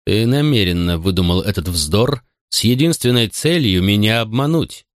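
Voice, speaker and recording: A man's voice: fairly low pitch, animated, moderate pace, dry recording, studio quality, lightly acted. A man reading an audiobook voices a cold, domineering father who questions his son bitterly and sternly. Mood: cold, cutting. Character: cold, domineering middle-aged father, a consul. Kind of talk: audiobook character voice.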